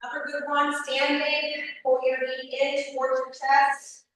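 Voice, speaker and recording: Woman running an exercise class, bright forceful voice, calls out moves n encouragement, really echoey far off mic. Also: high voice, level tone, a little slow. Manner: directive, encouraging, calls out cues. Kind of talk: group fitness class instruction with short cues and counting. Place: indoor room, on camera for a class. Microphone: camera mic from a distance. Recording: echoey room, distant microphone.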